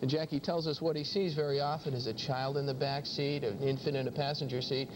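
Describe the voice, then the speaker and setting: Male TV news reporter over loud rumbling noise. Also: level tone, brisk. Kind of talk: scripted news report narration. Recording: noisy VHS newscast with vehicle rumble.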